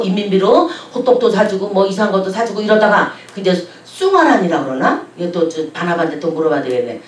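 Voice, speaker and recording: Brief: middle-aged woman pastor, chatty sermon storyteller, bright lively pitch, echoey hall, mic at a distance. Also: slight background noise. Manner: lively, chatty, laughs while telling stories.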